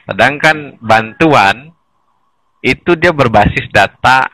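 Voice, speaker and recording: A man with a bright, clear-edged voice explains things in a relaxed conversational way, often chuckling and restarting his sentences. He is recorded dry and close, with no room echo. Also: mid-range voice, takes it slowly. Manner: animated, chuckles between points, restarts mid-sentence. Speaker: guest explaining village data administration.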